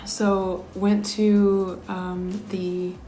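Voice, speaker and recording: A woman's voice: mid-range voice, little pitch movement, drawn-out words, warm tone. Young american girl rambling through a travel story, lots of likes and ums, sometimes goes almost whispery, roomy echo. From United States. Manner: chatty, many fillers, drops to a near whisper at times. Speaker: vlogger. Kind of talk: casual storytelling.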